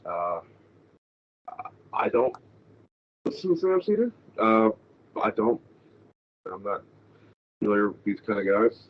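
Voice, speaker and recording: A man joins the chat over a bad connection that keeps breaking up, and his lowish voice comes through thin and phone-like. Faint noise sits under the line. He rambles loosely and leans on fillers. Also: big pitch swings, a little slow, pauses often. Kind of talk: casual online chat. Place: home, with others streaming nearby. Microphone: remote call mic.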